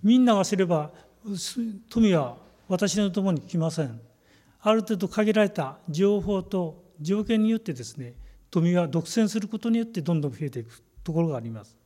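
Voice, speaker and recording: A man delivers a sermon in a fairly high but mellow voice. His phrasing is measured and deliberate, and he slows down to stress key words. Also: expressive. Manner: measured, emphatic preaching with slow stressed phrases. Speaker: pastor.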